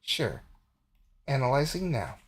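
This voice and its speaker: A man's voice: mid-range voice, very animated, unhurried, husky. A man voicing a polite male ship computer AI in a tabletop roleplay, talking in a formal, helpful way.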